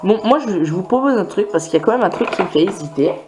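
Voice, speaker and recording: A man's voice: high voice, animated, fast, soft background music. A man doing casual gameplay commentary, rambling along with many fillers and restarts. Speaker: video game let's player.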